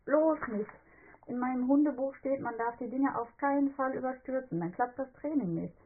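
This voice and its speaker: A woman voicing a bossy, eager young girl who talks in a commanding, excitable way. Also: fairly high pitch, normal speed, phone-quality sound. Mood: insistent.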